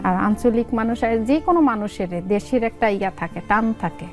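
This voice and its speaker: A middle-aged woman with a Noakhali accent talks in a relaxed interview, acting out family dialogue as she tells her stories. Her voice sits fairly high, with soft music underneath. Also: normal speed. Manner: lively storytelling, acts out family dialogue. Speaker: content creator guest. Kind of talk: casual interview talk.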